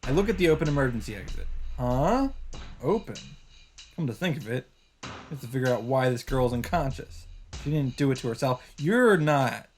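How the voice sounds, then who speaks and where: A man with a mid-range, lively voice hosts a let's play at normal speed, reading visual novel text aloud dramatically and informally with casual asides. The game's soundtrack plays behind him, and there's slight background noise.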